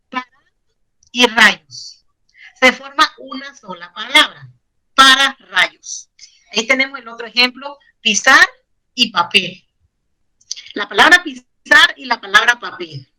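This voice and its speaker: A woman teaching a grammar lesson to her class. Her voice is bright and sits fairly high. She explains patiently, repeats key points and uses gentle diminutives. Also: rough recording. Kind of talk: online Spanish grammar lesson.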